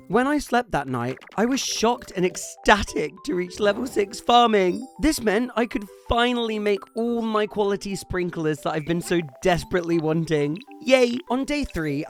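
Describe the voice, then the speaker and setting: High-voiced playful man narrating gameplay. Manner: playful, theatrical asides. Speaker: gaming channel host. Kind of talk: scripted gameplay voice-over.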